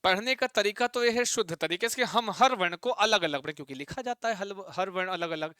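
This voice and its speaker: A man teaching a Sanskrit exam-prep lesson. He chants the sutras slowly in a sing-song and teases his students into reciting along. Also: high-pitched, pushed and bright, smooth, no room sound, clean studio sound.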